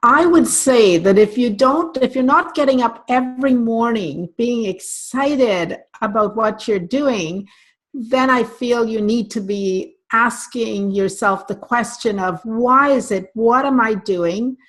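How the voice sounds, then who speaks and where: A woman's voice: a little high, takes it slowly. An older woman from Barbados, a guest coach speaking earnestly and passionately in an online interview, often restarting her sentences. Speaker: guest, optometry practice coach.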